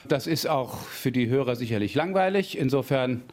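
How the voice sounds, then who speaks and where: A man's voice: medium pitch, expressive, moderate pace, a little mellow. Chatty male reporter on the move. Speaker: radio correspondent and podcast host. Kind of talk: casual on-the-go reportage. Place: outdoors and in an office, field recording.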